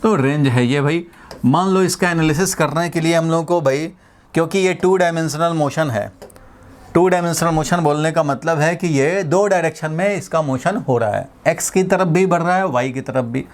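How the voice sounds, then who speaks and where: A middle-aged man from India gives a physics lesson in a voice pitched a little high. He explains slowly and circles back over each point. He mixes English terms into his Hindi and asks the class rhetorical questions. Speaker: physics teacher. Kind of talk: classroom lecture.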